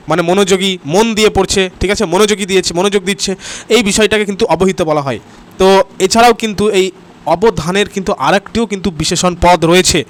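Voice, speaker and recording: A man from West Bengal teaching grammar in an online exam-prep class, talking straight to his students and checking "okay?" after each answer. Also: high-pitched. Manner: repeats "ঠিক আছে?" and "next question" as checks and cues; talks straight to the students, urging comments and likes.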